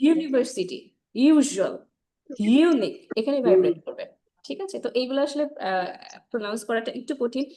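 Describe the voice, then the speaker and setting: A woman leads an English pronunciation class, her voice sitting a little high. She explains in Bengali peppered with English and slows down to repeat sounds for her students. She checks in with the group again and again as she goes. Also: expressive, mellow. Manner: explains in Bengali mixed with English, drills sounds slowly, checks with "ঠিক আছে?". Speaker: spoken English teacher. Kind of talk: online class lesson.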